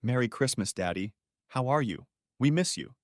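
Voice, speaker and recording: A woman's voice: low voice, very animated, fairly quick, dry recording, clean studio sound, voice pushed up. A man voicing a cheerful grown daughter talking on the phone, giggly and sing-song, in a storybook reading.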